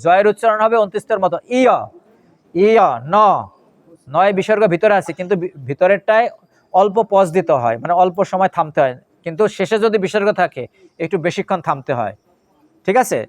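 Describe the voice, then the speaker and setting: A man giving a devotional scripture lecture, chanting mantras slowly and explaining their pronunciation while asking his listeners questions. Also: high-pitched. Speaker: religious lecturer.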